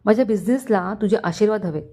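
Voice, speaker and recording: A woman voicing an excited, eager young man who makes promises to his older brother, in a storybook reading. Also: mid-range voice, fast, natural voice.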